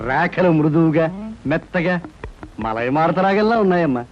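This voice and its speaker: An actor playing a boastful fake palm-reading astrologer man in a film comedy, with flattering sing-song patter. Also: a little high, measured pace. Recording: dull film soundtrack.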